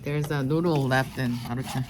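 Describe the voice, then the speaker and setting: A woman's voice: a bass voice, steady tone, normal speed. A woman hosting a casual mukbang, eating noisily as she talks in short, fragmentary remarks and murmurs between bites. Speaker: mukbang host. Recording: clear background noise.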